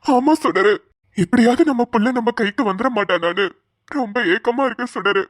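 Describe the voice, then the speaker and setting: A woman's voice: fairly high pitch, normal speed, dry recording, studio quality, close to an everyday voice. A woman voicing a grieving middle-aged father in a cartoon, speaking in tearful, despairing pleas. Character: grieving middle-aged father missing his lost son. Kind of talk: cartoon voice acting.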